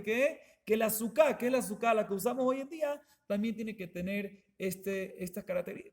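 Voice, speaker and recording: A man's voice: high-pitched, a little mellow. A man, a rabbi, teaching a Talmud class, explaining step by step, repeating and rephrasing, and putting rhetorical questions to his students. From Colombia.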